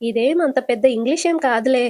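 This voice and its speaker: A woman voicing a gentle, modest young married woman who explains things patiently, in a casual serial retelling. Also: sits high, fast, lightly acted.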